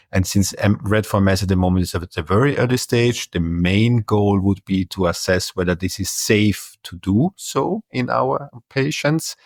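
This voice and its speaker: Deep and a little mellow, this middle-aged man's voice comes through clean studio audio with no room sound. An Austrian neurologist with an Austrian German accent, he answers interview questions as a guest in a hesitant manner full of restarts and fillers.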